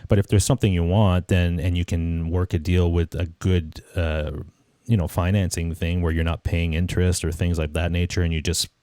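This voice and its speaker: A man's voice: low-pitched, little pitch movement, normal speed, warm tone, dry recording, clean studio sound. A man nearly fifty hosting a casual live stream, rambling and reflective with lots of restarts and "you know"s. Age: 40s. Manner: reflective and easygoing. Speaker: livestream host.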